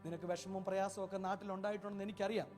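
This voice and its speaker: A preacher voicing the gentle Lord, soft and tender. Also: male voice, sits high, flat delivery, very fast, over music, close to an everyday voice. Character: gentle loving Lord speaking to a soul in heaven.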